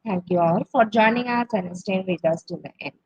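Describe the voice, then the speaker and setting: A woman's voice: mid-range voice, a little mellow, slightly rough, no echo. A woman from Bangladesh hosting an online webinar, formally reading a scripted introduction of her institute and pacing through long lists. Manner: formal, reads lists in a measured way. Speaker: webinar host. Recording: dull lo-fi dry sound.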